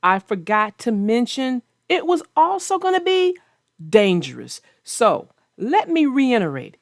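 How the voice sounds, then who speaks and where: A woman's slightly high, sing-song voice carries a theatrical read-aloud and chat for young children, aimed directly at her young readers. She goes a little slowly, and the sound is clean studio audio with no room sound.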